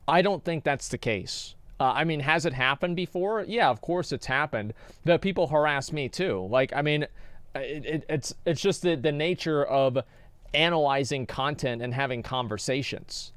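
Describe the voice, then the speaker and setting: A man's voice: fairly high pitch, normal speed, a bit bright, clear, resonant tone, dry recording. A man streaming, chatting casually and reading donations, rambling and stumbling over repeated words.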